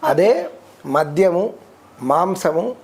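A man, a devotional guest explaining worship rules in a steady, teacherly way, listing terms one by one. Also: sits high, very slow, vocal fry. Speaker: devotional guest speaker on ritual. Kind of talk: explanatory interview talk.

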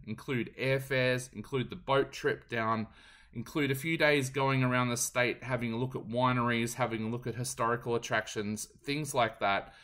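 A man's voice: medium pitch, fairly bright tone. Australian man talking through the news. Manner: conversational, frequent ums, relays what others told him. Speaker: podcast host. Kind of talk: solo commentary.

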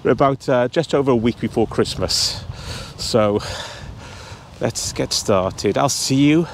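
A travel vlogger in his fifties walks a cold hillside outdoors, talking straight to his viewers through a handheld camera held at arm's length. His casual walk-and-talk comes in a medium-pitched voice at a measured pace, with slight background noise.

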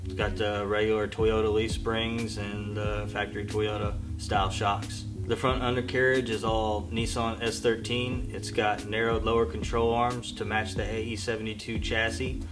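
A man in his thirties reciting the parts list of his car build in a steady, matter-of-fact way, with frequent "uh" and "um". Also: lowish voice, normal speed, over music. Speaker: car owner. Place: garage shop, indoors.

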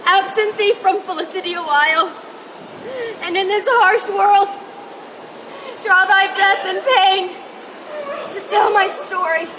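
Wounded royal heroine played by a woman, Shakespeare stage, very high and slow, halting exclamations, noisy open-air recording. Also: fairly even intonation. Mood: pleading. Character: wounded, vengeful young princess, anguished and dying. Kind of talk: outdoor Shakespeare stage acting. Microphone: far camera. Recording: noisy outdoor stage, distant camera, audience ambience.

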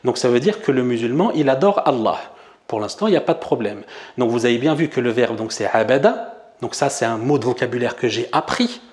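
A man's voice: mid-range voice, animated, a little fast, darkish tone. Man teaching step by step. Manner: explains step by step, often asks "d'accord?". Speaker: Arabic teacher. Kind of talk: whiteboard lesson explaining grammar.

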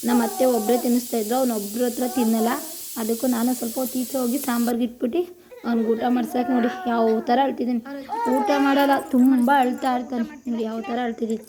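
A woman's voice: on the high side, level tone, fast talker, a crowd in the background. A woman from Karnataka casually narrating a cooking vlog in her home kitchen, chatty and homely, repeating her phrases. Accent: Kannada, Karnataka. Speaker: vlogger.

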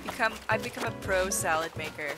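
A woman streams a game with loud music in the background, chatting casually and bubbly in a mid-range, fairly quick voice. Her talk is full of "like" fillers, and she giggles often between sentences.

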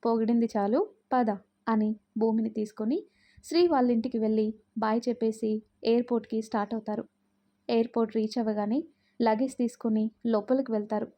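A woman narrating a romance story in a calm, even reading. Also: on the high side, brisk.

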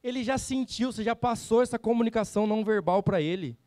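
High-voiced Brazilian man giving a sales talk. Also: fast talker, dry recording, studio quality. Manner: animated, acts out customer dialogues, slangy and blunt. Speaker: sales trainer speaking at a summit. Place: event stage.

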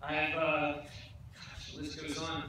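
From a podium on an outdoor stage, a young man delivers a commencement speech that is earnest and laced with self-deprecating jokes. His fairly high voice is monotone and slow. The podium mic is captured from far off, giving an echoey, noisy PA sound.

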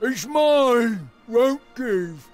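A man voicing a simple-minded, timid and stubborn ogre in a video game, husky, with slow broken speech. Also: very high voice, animated, faint music behind, full character voice. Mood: stubborn, anxious. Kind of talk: video game character acting.

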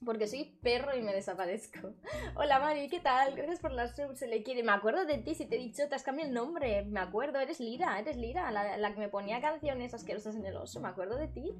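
A woman from Spain chatting casually with her viewers on a live stream from a bedroom, bubbly and laughing often, with loud sudden exclamations. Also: a little high, lively intonation, a little fast, few pauses. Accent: Spain Spanish. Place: bedroom at her grandmother's home.

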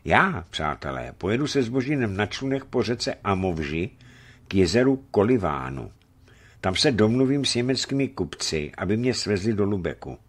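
A man voicing a tall, serious older leader who speaks in a measured, persuasive way. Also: on the low side, very animated, voice pushed up. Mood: grave. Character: tall, grave older male leader, careful planner.

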